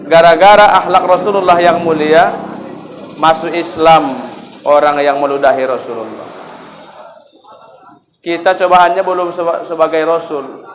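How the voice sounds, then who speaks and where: Guy giving a mosque sermon, kinda high voice, lively storyteller, faint noise behind. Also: measured pace, pauses often, low-quality recording. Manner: lively storytelling with rhetorical questions to the congregation; acts out quoted dialogue in shifting voices. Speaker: Islamic preacher. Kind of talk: sermon at a mosque fast-breaking gathering.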